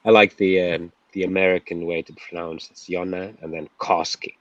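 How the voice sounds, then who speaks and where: A man who speaks natively, a guest chatting in a relaxed, light-hearted way. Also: sits low, fairly quick, dry recording, muffled recording. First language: Finnish. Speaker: event programmer, guest. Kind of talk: casual interview chat.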